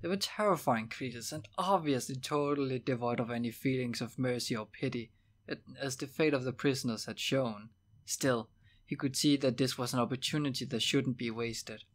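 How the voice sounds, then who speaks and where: A man narrating a novel as an audiobook in a steady, measured reading voice. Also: mid-range voice. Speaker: audiobook reader.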